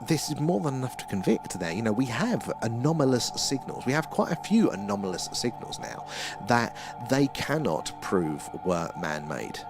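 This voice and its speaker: A man's voice: mid-range voice, very animated, moderate pace, over music. A man with an Essex accent hosting a casual livestream, rambling and self-deprecating as he answers viewers' comments. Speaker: livestream host. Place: small room at home.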